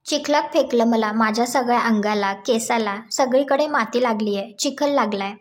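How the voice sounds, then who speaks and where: A woman's voice: fairly high pitch, moderate pace, lightly acted. A woman voicing an angry, vengeful young wife in a plain reading voice, scolding and threatening.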